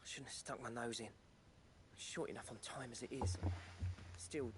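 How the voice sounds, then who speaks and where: A man plays a friendly, chatty villager in a mid-range, everyday-sounding voice with fairly even intonation and a moderate pace. Heavy background noise surrounds him.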